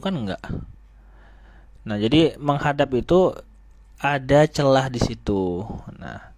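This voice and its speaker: A man's voice: medium pitch, no echo. Man teaching pronunciation, asking students questions. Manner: asks the class questions and answers them himself. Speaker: Quran recitation teacher. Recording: noisy recording with clicks.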